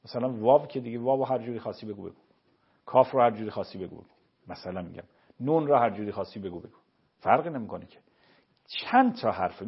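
Male cleric, husky and raspy, patient explainer, slightly muffled audio. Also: mid-range voice. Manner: measured, explanatory, quotes scripture. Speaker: cleric answering religious questions. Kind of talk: explaining religious rulings on a show.

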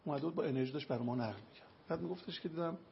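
A man's voice: a little high, creaky, dull audio, a little hiss or hum. A man giving a religious talk, telling anecdotes and acting out the people in them. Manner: acts out quoted people with lively voice changes. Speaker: religious speaker.

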